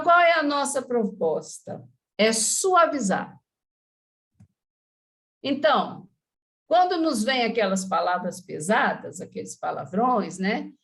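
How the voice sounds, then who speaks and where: Woman lecturer with a Brazilian accent, a touch high-pitched, informal and conversational, talking straight to the room. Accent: Brazilian Portuguese. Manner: chatty, with frequent asides to the audience. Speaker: spiritist lecturer. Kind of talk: informal spiritual talk.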